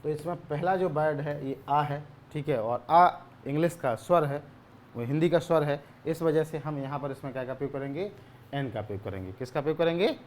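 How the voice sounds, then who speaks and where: A man's voice: on the high side, a little fast, darkish tone, slight background noise. Man teaching grammar, repeating key points. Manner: repeats key words, asks and answers own questions; clears throat often. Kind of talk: grammar lesson.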